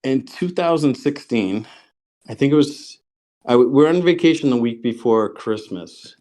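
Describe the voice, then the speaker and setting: A man's voice: medium pitch, animated, normal speed, darkish tone. A man, a podcast guest, telling a long story in a casual way, full of ums and restarts. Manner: rambling, with many ums and restarts.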